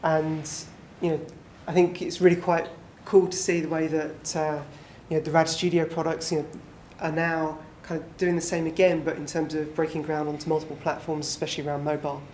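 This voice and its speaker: Speaking a bit fast with barely any pauses, this fairly high-pitched man delivers a casual, filler-heavy conference talk to a small audience. Echo from the room and faint background noise come through on the recording.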